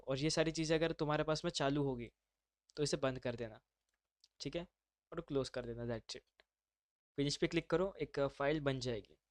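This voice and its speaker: A man's voice: medium pitch, no echo. Casual man teaching a live online class. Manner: casual, brotherly, mixes English terms into speech.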